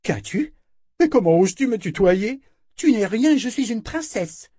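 A man's voice: high-pitched, animated, normal speed, darkish tone, no room sound, clean studio sound, pitched above the performer's own voice. A man voicing a cruel sneering princess girl. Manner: mocking, sneering, imperious. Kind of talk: storybook read-aloud voice.

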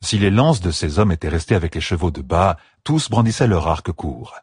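A man narrating a fantasy battle audiobook with steady, dramatic storytelling. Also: low voice, normal speed, breathy edge, no echo, clean studio sound.

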